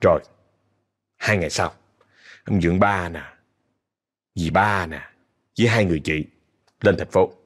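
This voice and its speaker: A man's voice: low voice, unhurried, long pauses, husky. A man with a Southern Vietnamese accent telling a story in a chatty, casual way, speaking directly to listeners.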